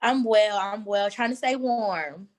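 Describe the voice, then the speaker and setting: A woman's voice: mid-range voice, a little slow. A young woman, a student, politely asking a guest speaker a question on a video call. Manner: friendly and courteous, with ums.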